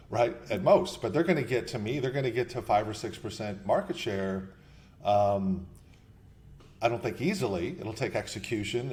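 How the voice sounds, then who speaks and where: In a podcast interview about investing, the guest, an investment manager, has a fairly low, slightly mellow voice. He talks in bursts with frequent restarts, thinking out loud as he goes.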